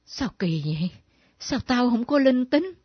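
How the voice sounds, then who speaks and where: A woman's voice: on the high side, sing-song, a little slow, slightly rough, no echo, full character voice. An actress voicing the ghost of a betrayed mother who scolds and exclaims in a radio drama. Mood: indignant. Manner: exclaiming, scolding, at times whispered asides. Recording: dull lo-fi old radio recording.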